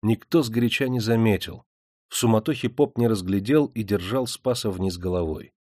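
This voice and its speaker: A man reading an audiobook in a measured, dramatic storytelling manner. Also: fairly low pitch, dark tone, no room sound, clean studio sound. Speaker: audiobook narrator. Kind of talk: scripted narration.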